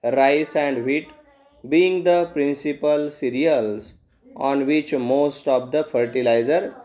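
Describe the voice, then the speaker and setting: An Indian-accented man dictates a practice passage at a very slow pace. His voice is soft-edged and mellow, pitched a little high. He breaks the text into short, measured phrases, as a dictation teacher does.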